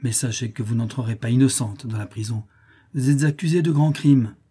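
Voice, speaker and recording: A bitter fallen priest who turns cruel with a jealous menace, as a man reads him aloud. The voice is deep-toned and mellow, husky at the edges, delivered as a storybook reading. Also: fairly quick, close to an everyday voice. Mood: threatening. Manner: cold, threatening, then pleading. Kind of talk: audiobook character reading.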